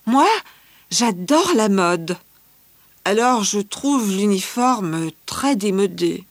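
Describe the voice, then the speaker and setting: Woman playing a teenage schoolgirl, fashion-loving, scripted exam dialogue, slow careful speech, dry studio sound. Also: medium pitch, lively intonation, no echo. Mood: calm chatty. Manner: measured, clearly articulated scripted delivery. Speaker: interviewee.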